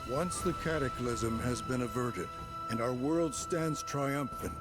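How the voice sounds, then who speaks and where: Game NPC: man playing a polite, formal scholar at mid pitch, with music under him. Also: expressive, lightly acted. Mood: explaining. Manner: formal, courteous, measured. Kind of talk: video game voice acting.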